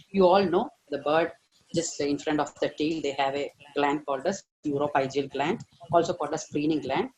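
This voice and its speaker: A man's voice: on the high side, a little hiss or hum, low-quality recording. A man giving an online veterinary lecture, hesitant with many fillers and stressing key words.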